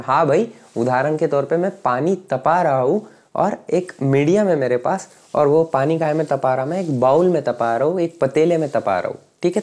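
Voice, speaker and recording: A man's voice: on the high side, a little mellow. Man teaching, checking in constantly. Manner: repeats "ठीक है?" checks often, explains with everyday examples. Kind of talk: explanatory lecture. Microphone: speaking to camera.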